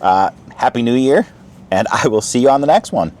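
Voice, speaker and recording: A man's voice: medium pitch, animated, normal speed, a little mellow. A man, chatting casually outdoors while tasting and reviewing a camp meal, talking with his mouth full. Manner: chatty, talks while eating. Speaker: outdoor vlogger. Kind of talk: casual food review vlog. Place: outdoor picnic spot.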